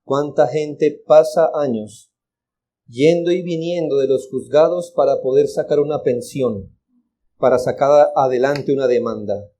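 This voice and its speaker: A man's voice: medium pitch, a little slow, warm tone. A male pastor with a Colombian accent preaching an earnest, exhorting sermon and repeating words for emphasis. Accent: Colombian Spanish.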